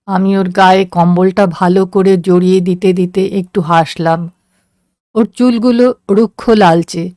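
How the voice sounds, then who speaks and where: A woman narrating a story in a slow, measured, soft voice. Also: medium pitch, fairly even intonation, no echo, clean studio sound. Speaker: story reader.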